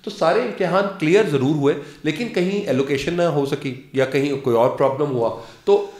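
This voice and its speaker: A man in his fifties, an actor and lecturer, telling stories as an interview guest and acting out quoted dialogue. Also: fairly high pitch. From Pakistan. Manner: animated storyteller who acts out quoted dialogue. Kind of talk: casual interview storytelling. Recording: roomy studio echo.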